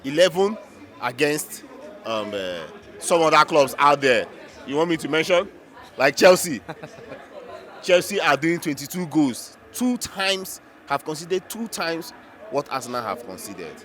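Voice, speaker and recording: A man's voice: a little high, lively intonation, measured pace, a bit bright, some chatter behind. A man with a Nigerian accent giving unscripted football reaction as a fan, emphatic and repeating phrases for effect.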